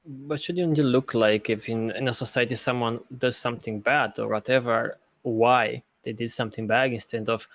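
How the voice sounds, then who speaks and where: An earnest man, his voice sitting in an ordinary middle register. He argues his case in a casual podcast chat, halting and restarting as he thinks aloud. The sound is close and dry. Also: mid-range voice, fairly even intonation, a bit bright, dry recording. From Romania. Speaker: podcast host. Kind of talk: casual discussion.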